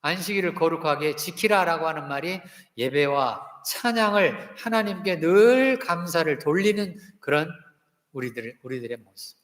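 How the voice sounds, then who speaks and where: A pastor in his fifties gives a sermon in a church sanctuary. His voice sits a little high for a man, and it rings through a roomy hall with a long tail of reverb. He keeps asking the congregation questions and has them repeat lines after him. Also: animated, normal speed, a bit bright.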